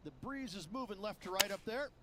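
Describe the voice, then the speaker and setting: A man giving measured, explanatory colour commentary in a golf video game. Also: high voice, heavy background noise, lightly acted. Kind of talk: sports commentary.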